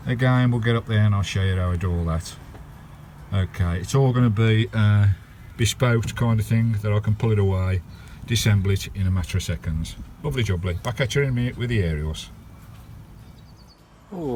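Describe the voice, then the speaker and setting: Slight background noise sits under a fairly low, slightly mellow male voice with an English accent. Working hands-on around his parked campervan on a radio installation, he talks to viewers casually and matily with colloquial phrasing, caught on a handheld camera microphone.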